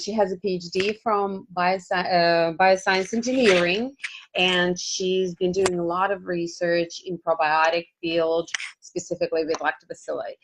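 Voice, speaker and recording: A woman's voice: lowish voice, a little hiss or hum. A woman hosting an interview over a video call, talking hesitantly with restarts and fillers. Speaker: host.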